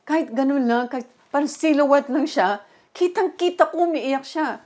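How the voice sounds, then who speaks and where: A woman pastor giving a sermon with personal testimony, talking in an animated, conversational way with many fillers. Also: high voice, normal speed.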